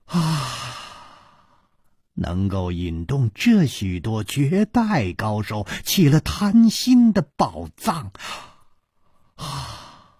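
Playful young woman, pouting and teasing, husky tone, played by a man. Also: medium pitch, huge pitch swings, very slow, long pauses, a little mellow, dry recording, studio quality, full character voice.

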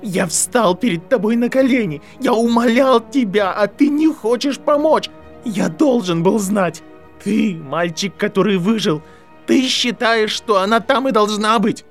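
Man doing a shrill desperate boy. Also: expressive, moderate pace, faint music behind, lightly acted. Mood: screaming. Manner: pleading, shouting, trembling voice. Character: desperate boy, son of prisoners.

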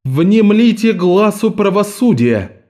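A man's voice: high voice, big pitch swings, slow, warm tone, voice pushed up, heavily acted. A man voicing a haughty masked woman judge. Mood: contemptuous. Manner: contemptuous, proclaiming. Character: haughty woman judge in a red robe and velvet mask.

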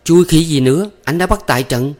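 A man reading a story, voicing a frantic, quarrelsome young village woman with shrill, panicked cries. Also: fairly quick, a little mellow.

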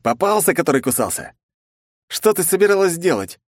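A man voicing a calm, teasing young male hero in an audiobook, with a wry delivery. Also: fairly high pitch, fairly quick, no echo, studio quality, pitched above the performer's own voice. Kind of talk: audiobook dialogue.

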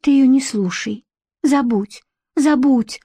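A woman narrator lifts her voice for a young girl in love who pleads with a rushed, urgent catch in her speech. The storybook reading is close and dry, with no room around it. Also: fairly high pitch, expressive, darkish tone, no room sound, pitched above the performer's own voice, natural voice. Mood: pleading.

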